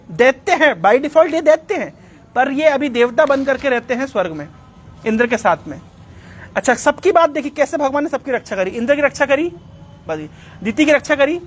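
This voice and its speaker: A man giving a devotional talk, retelling scripture as a lively story and slipping English words into his speech. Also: extremely high pitch, slight background noise. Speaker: religious speaker.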